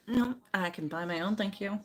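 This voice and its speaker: A middle-aged woman chatting casually about ghost hunting trips, relaxed and full of fillers. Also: mid-range voice, moderate pace, a crowd in the background, low-quality recording. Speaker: mother and moderator of the stream. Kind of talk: casual chat.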